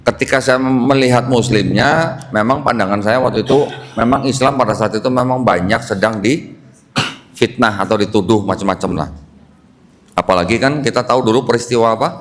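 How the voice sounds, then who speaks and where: A man's voice: medium pitch, fairly quick. Man teaching an audience, coaxing answers. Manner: quizzes the audience, repeating "ya, Bu, ya". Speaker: convert preacher answering audience questions. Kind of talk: lively question-and-answer talk. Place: hall with a live audience.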